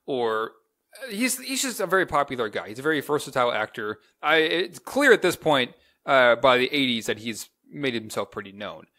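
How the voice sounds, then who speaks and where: A man in his twenties chatting casually as a movie reviewer, excitable and rambling, often restarting his sentences. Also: medium pitch, moderate pace. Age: 20s. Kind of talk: casual chat.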